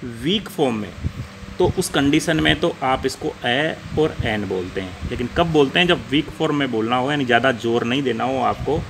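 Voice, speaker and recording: A man's voice: mid-range voice, expressive, normal speed, creaky, background noise. A man teaching an English grammar lesson, asking the class questions and answering them himself while he repeats the key points.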